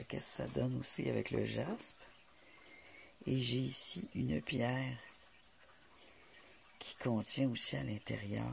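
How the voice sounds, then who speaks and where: Gravelly Quebec man with vocal fry. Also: mid-range voice, a little hiss or hum. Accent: Quebec French. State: morning voice. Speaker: host showing rock-cleaning experiments. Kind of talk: casual hands-on demonstration. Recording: music playing loudly over the voice. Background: loud music.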